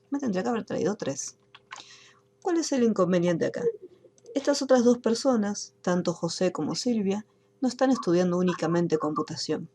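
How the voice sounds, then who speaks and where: A woman teaching an online class, explaining software steps patiently one by one. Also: mid-range voice. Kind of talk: screen-recorded software tutorial.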